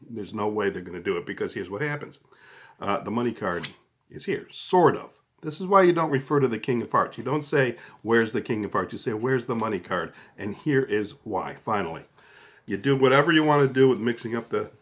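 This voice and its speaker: A card trick instructor, a middle-aged man, guides viewers through a hands-on lesson step by step, chatting casually and checking in often. His voice is fairly low in pitch with a fairly bright tone.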